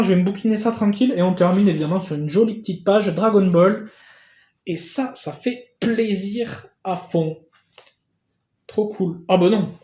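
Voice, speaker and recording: A man in a casual unboxing vlog who gets excitable, swears casually and thanks the sender again and again. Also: sits high, reverberant. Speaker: YouTuber opening a gift parcel.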